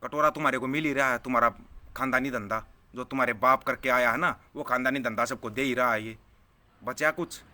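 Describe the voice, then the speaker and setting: A man delivers an angry political rant straight to his audience. His voice is forceful and tense, heated and scornful. He hammers each point by saying it twice, at a middling pitch. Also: a little fast. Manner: scornful, heated, repeats phrases for emphasis. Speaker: political vlogger answering viewer comments.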